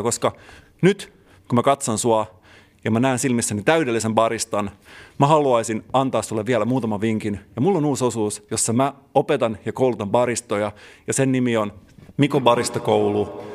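A man co-hosting a comedy podcast, riffing in a mock-serious, teacherly way. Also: medium pitch. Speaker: podcast co-host. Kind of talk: casual comedic podcast chat.

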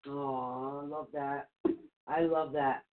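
A woman's voice: deep voice, flat delivery, slow pace. A woman co-hosting an online talk show, gushing and encouraging toward a guest. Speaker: co-host, psychic reader. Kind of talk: casual talk show chat. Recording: tinny phone-like call audio.

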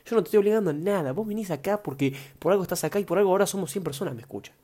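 A man's voice: high voice, lively intonation, rapid-fire, mellow, husky. A young man with an Argentine Rioplatense accent hosting a casual solo podcast, rambling and joking in slang and often repeating his words. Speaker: podcast host.

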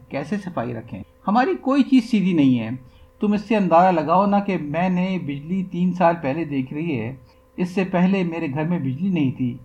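A man reading aloud a recorded interview for a podcast, with the questions pitched higher than the answers. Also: a little hiss or hum. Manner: reads the questions at a raised pitch. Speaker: podcast reader.

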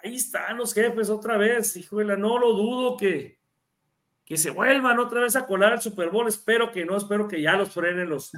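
A man with a Mexican Spanish accent co-hosts a casual NFL podcast, chatting through sports analysis. His voice is high-pitched and a bit bright, at a moderate pace, and he tends to repeat words as he restarts.

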